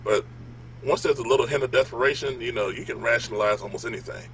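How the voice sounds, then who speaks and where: A man co-hosting a casual panel podcast, speaking in a measured, reflective way. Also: mid-range voice, fairly bright tone, slight background noise, rough recording. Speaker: podcast co-host.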